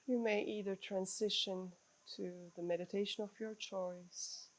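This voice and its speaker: A woman meditation instructor guiding a breath-counting meditation in a measured, unhurried way with pauses. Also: mid-range voice, fairly even intonation, low-quality recording.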